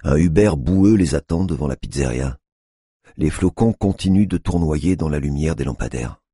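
A man reading a novel chapter aloud as an audiobook narrator, in a steady, even delivery. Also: rumbling low, normal speed, husky, no echo, studio quality. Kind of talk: scripted narration.

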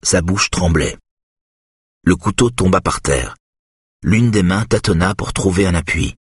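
A man narrating a tense first-person story in a measured way. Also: low-pitched, breathy edge, no echo, clean studio sound.

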